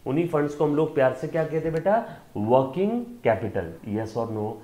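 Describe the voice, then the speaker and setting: A man's voice: on the high side, lively intonation, normal speed, mellow, roomy sound. A man teaching a commerce lecture online, coaxing his students and checking that they follow, mixing in English terms. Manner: mixes Hindi with English terms.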